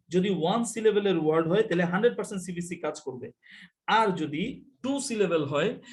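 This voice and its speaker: A man with a notably high voice runs a live online English class. He talks in a chatty, teasing way and slips English phrases into his explanations. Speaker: English teacher.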